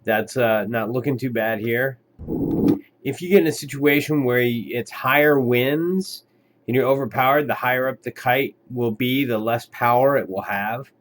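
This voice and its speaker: Easygoing man coaching a kiteboarder. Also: medium pitch. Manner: easygoing, encouraging, halting with fillers. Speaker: kiteboarding instructor. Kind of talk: coaching commentary over lesson footage.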